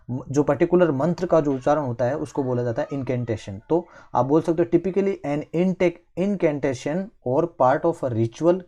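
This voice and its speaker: A man with an Indian English accent teaching English vocabulary in an online lesson. He explains word roots step by step in Hindi mixed with English and fills pauses with "theek hai". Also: a little high, warm tone.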